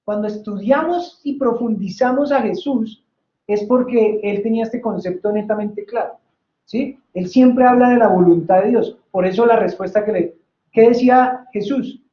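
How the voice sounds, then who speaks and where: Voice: mid-range voice, normal speed. A Bible-study teacher leading a faith study, telling stories and often checking in with the class. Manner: lively, asks "¿sí?" to check the class, tells stories. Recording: roomy, slightly dull recording.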